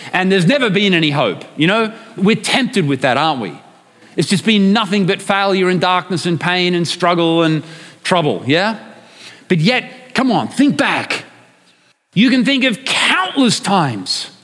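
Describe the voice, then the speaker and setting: A man's voice: high-pitched, a bit bright, big-room sound. A man preaching a sermon, emphatic and often asking his listeners rhetorical questions.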